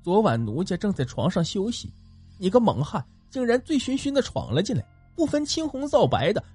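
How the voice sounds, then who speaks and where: A coy, plaintive young ghost woman, played by a man in a storybook tale. She speaks softly in old-fashioned phrasing, her voice husky and lively in pitch. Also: full character voice. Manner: soft, plaintive, archaic phrasing.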